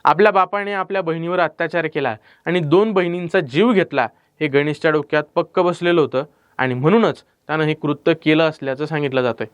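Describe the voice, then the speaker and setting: Male crime-news narrator, Marathi accent, dramatic delivery, raised pitch, smooth resonant voice, dry close mic. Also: a little fast, no room sound. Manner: dramatic storytelling delivery with rhetorical questions. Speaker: news presenter. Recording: clean dry studio voice-over.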